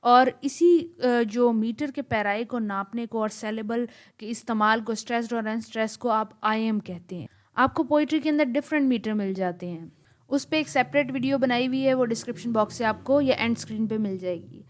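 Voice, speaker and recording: A woman lectures on poetry, her voice sitting a little high. She walks through each point step by step. She reads sample lines of verse aloud, pressing hard on the stressed syllables. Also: moderate pace. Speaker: literature teacher.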